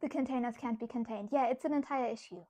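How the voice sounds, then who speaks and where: Working through a craft livestream, this young German-accented woman, whose English carries some British touches, talks fast and mellow in a slightly high voice. The recording sounds muffled; she's chatty, laughs often, reads viewer chat aloud and talks to herself.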